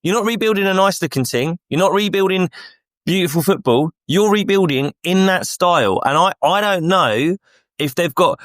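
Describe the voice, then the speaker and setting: A man's voice: high-pitched, animated, moderate pace, a bit bright, dry recording, studio quality. A man in a casual football debate, arguing rhetorically and repeating questions and phrases for emphasis. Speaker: football panellist.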